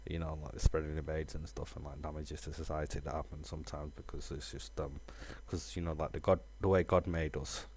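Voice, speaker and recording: A man streaming a game, talking casually in a rambling, halting way with lots of fillers. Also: rumbling low, a little mellow. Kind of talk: casual live-stream chat.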